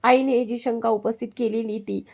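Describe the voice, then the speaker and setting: A woman's voice: fairly high pitch, fairly even intonation, moderate pace, darkish tone. Storybook reading: an anxious, pouting young bride-to-be; a woman reads her in her own voice.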